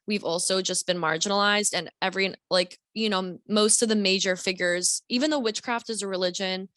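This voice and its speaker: In a dry recording, a young woman with a medium-pitched, slightly bright voice talks as a guest author on a relaxed podcast. She hails from the Deep South of the US and rambles musingly, using many fillers.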